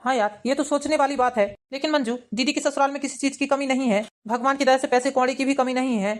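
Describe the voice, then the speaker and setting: Cartoon young husband, high and fast, pushover, woman voicing him. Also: natural voice. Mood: reasoning. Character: young husband, easily swayed. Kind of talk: Hindi cartoon family drama.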